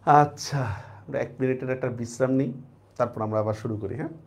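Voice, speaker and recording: A man's voice: mid-range voice, fast talker. A man teaching an online class, repeating points and checking that students follow.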